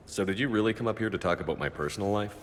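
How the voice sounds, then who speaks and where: A man voicing a calm, reserved military commander in a sci-fi video game, measured and understated. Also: lowish voice, close to an everyday voice. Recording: long reverb, faint background noise.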